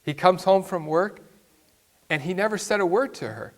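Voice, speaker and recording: A man's voice: high-pitched, moderate pace. A man, a priest, telling a story in a sermon with an emphatic way of speaking.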